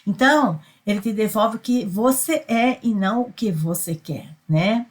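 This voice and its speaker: A woman's voice: medium pitch, measured pace. A middle-aged woman with a Brazilian Portuguese accent, a psychoanalyst giving a conversational motivational talk, repeating herself and ending lines with tag questions. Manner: repetitive, tag questions, many fillers. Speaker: psychoanalyst and spiritual speaker.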